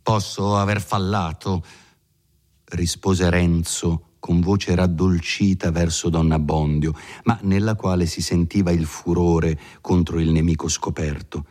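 A man narrates a classic novel in a deep, low voice. He reads slowly and deliberately, with a measured dramatic weight suited to an audiobook. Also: level tone, mellow. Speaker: audiobook reader.

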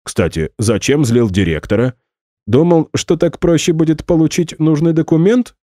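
Man doing a nosy, needling sidekick voice, pitched up. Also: moderate pace, dark tone, dry recording, studio quality, close to an everyday voice. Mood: teasing. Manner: teasing, nosy.

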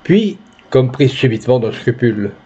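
A man reads a literary tale aloud, measured and expressive, his voice warm and husky with lively rises and falls. It is caught on a dull lo-fi recording. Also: medium pitch.

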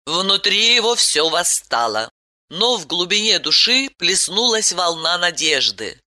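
A woman narrates a story in a measured, unhurried way. Her pitch moves lively through the sentences. The voice is bright and clear. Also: no room sound, clean studio sound. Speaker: audiobook narrator. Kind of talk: scripted narration.

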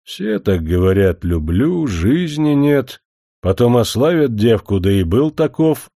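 A man voicing a stern, weary old village grandfather who grumbles in gruff, folksy speech. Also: lowish voice, very animated, unhurried, dark tone, no room sound, clean studio sound, heavily acted.

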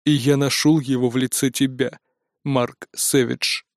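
Brief: man playing a burnt-out AI, drawn-out and cold, dry close read. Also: level tone, dry recording, close to an everyday voice. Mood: solemn. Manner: slow, low and tired. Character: weary disillusioned male AI, cold and resigned.

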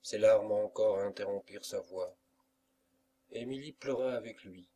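A man narrating a classic novel as an audiobook reader, in a measured, unhurried way. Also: lowish voice, warm tone, distant mic.

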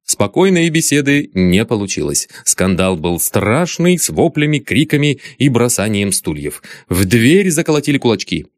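Guy narrating an audiobook, very animated voice, dry close recording. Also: mid-range voice, moderate pace, hardly any pauses, no echo. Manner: expressive, dramatic reading. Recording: dry close studio sound.

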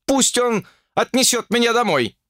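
A man voicing a stubborn, indignant young female graduate student in an audiobook, speaking in a shrill, exasperated way. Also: sing-song, moderate pace, no room sound, studio quality. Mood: shouting.

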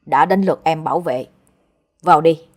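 A woman's voice: low-pitched, moderate pace. A woman reading the lines of a bald older male professor, formal and curt, in her own voice.

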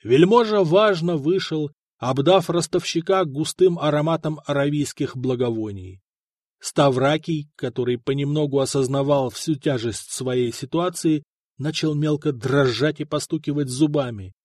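A man reading a historical novel aloud in measured scripted narration. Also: on the high side, darkish tone, no echo, studio quality. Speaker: audiobook narrator.

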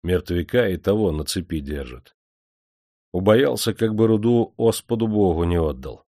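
A man's voice: low-pitched, lively intonation, moderate pace, warm tone, dry recording, clean studio sound. A man voicing a defiant young prisoner in chains who mocks his captor in a cheeky tone. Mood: mocking. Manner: cheeky, mocking.

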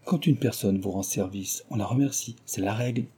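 A man reading aloud and voicing a fussy, gushing older schoolmistress with loud theatrical exclamations. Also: fairly low pitch, a little fast, husky. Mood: scolding.

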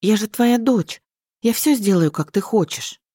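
A woman voicing a frightened teenage daughter who pleads quietly and hopelessly. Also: mid-range voice, a little slow, dry recording, studio quality, voice pushed up, close to an everyday voice.

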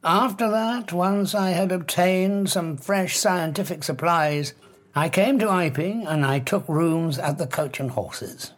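Griffin, husky slow-spoken British fugitive scientist. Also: male voice, high-pitched. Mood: coolly defiant. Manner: theatrical, deliberate, formal. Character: proud, haunted fugitive scientist recounting his deeds. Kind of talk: audio drama storytelling.

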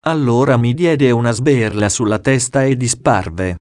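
Brief: man, solemn diary reading, very slow, dry close mic. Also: medium pitch, darkish tone, dry recording. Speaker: audiobook reader.

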